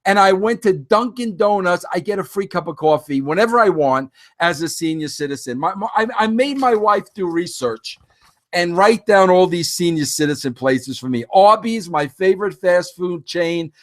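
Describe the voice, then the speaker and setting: In a casual solo podcast monologue, a man in his fifties talks animatedly and directly to his listeners in a high-pitched, expressive voice at normal speed. He often rambles and restarts his sentences.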